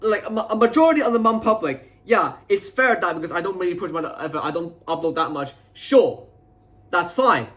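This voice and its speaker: A young adult video maker unloads on his viewers in an aggrieved, frustrated rant that's unplanned, halting, and repetitive. His voice is high-pitched and a bit bright, with lively intonation.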